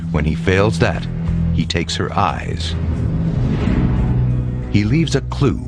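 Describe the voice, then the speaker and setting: A man's voice: low-pitched, big pitch swings, slow pace. A man narrating true crime from a script in a dramatic, ominous horror trailer voice. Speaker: documentary narrator. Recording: loud music under voice. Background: loud music.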